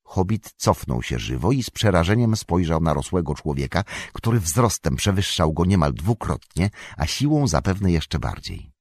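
A male audiobook narrator reading fantasy in a measured, steady way. His voice sits low and husky, recorded dry and close with no room sound. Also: dry recording. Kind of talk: scripted narration.

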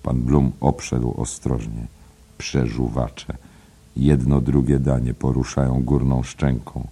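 Very deep, gravelly male narrator. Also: level tone, slow pace, mellow. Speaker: audiobook narrator. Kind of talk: scripted literary narration.

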